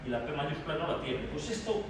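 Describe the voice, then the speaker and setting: A high-voiced man from preaches to his congregation, drawing out key phrases for emphasis and calling them brothers. His voice rings through a very echoey church hall. The mic sits well away from him, with a faint hiss behind. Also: expressive, a little fast, recorded from a distance. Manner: addresses the congregation directly as brothers. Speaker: pastor. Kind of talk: expository sermon.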